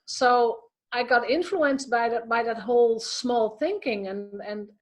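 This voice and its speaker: A woman from the Netherlands with a Dutch accent, a coach chatting as an interview guest, telling stories with lively restarts. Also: a little high, unhurried. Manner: lively storytelling with frequent restarts. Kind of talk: casual interview chat.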